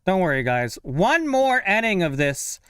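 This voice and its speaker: A young man talks casually to his live-stream viewers with a lively, animated voice that swings widely in pitch. His pitch sits a little above average for a man. The sound is close and dry, with no room echo. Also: clear, resonant tone. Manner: chatty, self-talking, sighs of frustration and quick laughs. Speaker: fan streamer watching a live game.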